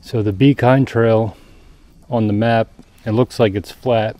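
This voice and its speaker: A man narrating his own hike on a snowy forest trail, describing the route in a relaxed, matter-of-fact way. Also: fairly low pitch, measured pace. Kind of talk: casual hiking vlog narration.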